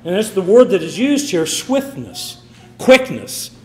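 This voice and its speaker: High-voiced, emphatic preacher man. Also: very animated, measured pace, echoey room. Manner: emphatic, rising and falling delivery. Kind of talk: sermon.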